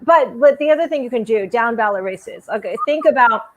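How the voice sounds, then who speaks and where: A woman's voice: on the high side, expressive, a little fast, low-quality recording. A woman podcaster talking emphatically and chattily, with many likes, in a casual discussion over a video call.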